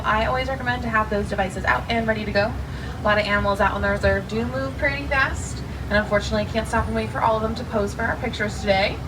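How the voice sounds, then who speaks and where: A woman working as a safari guide, giving instructive tour commentary to riders on a truck. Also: on the high side. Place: open safari truck outdoors. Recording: distant, loud truck engine noise. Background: vehicle noise.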